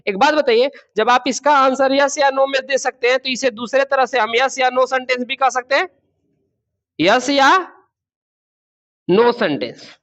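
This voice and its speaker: A man's voice: extremely high pitch, unhurried, long pauses, fairly bright tone. Male teacher, quizzes the class, repeats key words, dull lo-fi sound. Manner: addresses students as babu and beta. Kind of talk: classroom grammar lesson.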